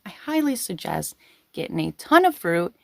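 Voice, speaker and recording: A woman's voice: fairly low pitch, sing-song, normal speed, creaky, a little mellow. A woman hosting a casual storytelling video, giggly and rambling as she talks to her viewers. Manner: giggly, breaking into laughter while talking.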